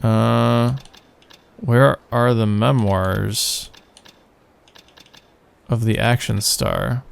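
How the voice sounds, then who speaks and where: A man's voice: medium pitch, lively intonation, extremely slow, creaky, clear, resonant tone. A man hosting a let's play, rambling casual commentary with a nasal, phlegmy morning voice.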